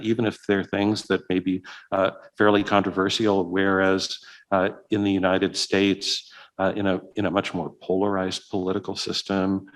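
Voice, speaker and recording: A man giving a conference keynote and answering questions, speaking hesitantly with many fillers and restarts. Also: deep voice. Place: conference hall.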